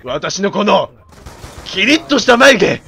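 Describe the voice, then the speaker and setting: A man commentates his shooter game in a loud, theatrical voice, barking rough orders at his squad like a self-appointed commander. His voice sits high and bright, leaps wildly up and down, and turns gravelly at the low end. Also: big pitch swings, measured pace. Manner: loud, theatrical, bossy mock-commander banter; frequent shouting and rough slang. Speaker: gaming commentator.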